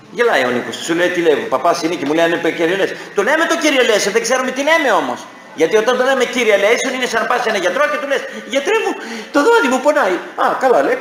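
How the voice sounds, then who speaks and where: Animated priest in an echoey church. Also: male voice, sits high, a little hiss or hum. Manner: chatty, acts out dialogues with laughter. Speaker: parish priest. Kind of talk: informal parish talk.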